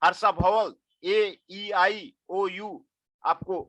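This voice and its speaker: Middle-aged male lecturer, high and bright, unhurried, repetitive delivery, dry close sound. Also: steady tone, dry recording. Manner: mixes Hindi and English, repeats phrases, frequent filler "aapko". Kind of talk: classroom lecture.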